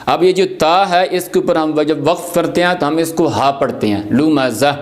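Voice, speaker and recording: A man teaching Quran recitation rules, explaining patiently and repeating each example slowly. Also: a little high. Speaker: tajweed teacher.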